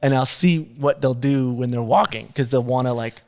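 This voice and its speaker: A young man co-hosting a casual podcast, telling stories about his kids in a lively way and acting out quotes. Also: mid-range voice, normal speed. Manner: animated, acts out quotes in voices. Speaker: podcast co-host. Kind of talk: casual storytelling chat.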